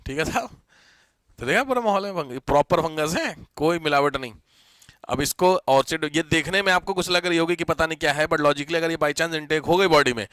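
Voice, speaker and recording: A man teaching a live online class. His voice sits a little high and sounds bright and forceful. He talks in a chatty, teasing way and drops English terms into his explanations. The recording is close and dry. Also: no echo.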